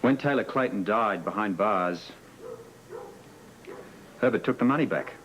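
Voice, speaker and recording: An actor playing a suspicious, insistent man in a television soap, speaking deliberately and probingly, like someone confronting a person with secrets. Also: on the low side, animated, fairly bright tone, poor audio. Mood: probing, accusing. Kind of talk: television soap opera acting. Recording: music under dialogue, old TV soundtrack.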